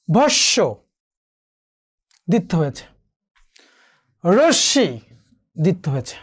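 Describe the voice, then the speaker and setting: A teacher talks students through pronunciation rules in an exam-prep lesson. He poses a question, answers it himself and repeats it for emphasis. His voice sits fairly high for a man. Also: darkish tone. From Bangladesh.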